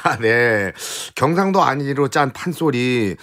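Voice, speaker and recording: A man's voice: medium pitch, a little slow. Middle-aged guy cohosting folk radio, folksy jokey delivery, voice goes all over the place. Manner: lively, playful, folksy. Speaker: radio co-host, folk singer. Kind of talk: scripted radio chat and comic skit.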